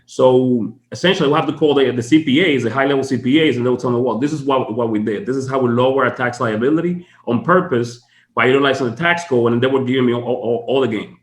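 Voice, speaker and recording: Fast-talking man from the Dominican Republic. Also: mid-range voice, reverberant. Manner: fast, chatty storytelling with many fillers. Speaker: guest, tax strategist. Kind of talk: casual podcast interview. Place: home office.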